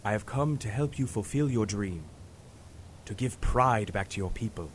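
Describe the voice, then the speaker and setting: A man plays a commanding, high-minded professor in a superhero audio drama. He speaks in a lowish, formal, grandiloquent voice over a faint rumble. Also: lively intonation, normal speed, lightly acted. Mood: assured.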